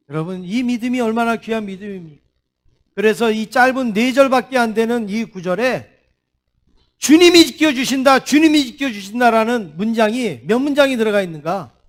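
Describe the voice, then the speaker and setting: A man preaching a Sunday sermon as a pastor in a church, emphatic and repetitive, leading the congregation in readings. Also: high voice. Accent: Korean. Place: church sanctuary.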